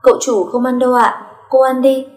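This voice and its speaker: A woman's voice: sits high, fairly even intonation, a little fast, a little mellow, natural voice. A woman voicing a polite, deferential female housekeeper in a rich home. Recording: roomy echo.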